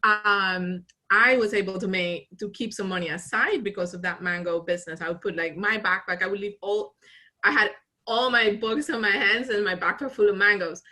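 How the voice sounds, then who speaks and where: A woman in her early forties from Colombia, a business founder telling her story in an interview with lively restarts and laughter. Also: mid-range voice, normal speed. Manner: animated storyteller, laughs often, frequent restarts. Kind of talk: casual interview conversation.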